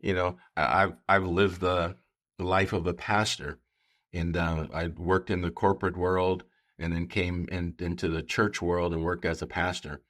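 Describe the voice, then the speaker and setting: A man speaking as a pastor in a conversational podcast style, earnest and halting, often voicing other people's remarks. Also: sits low, level tone, a bit bright. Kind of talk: conversational podcast talk with storytelling.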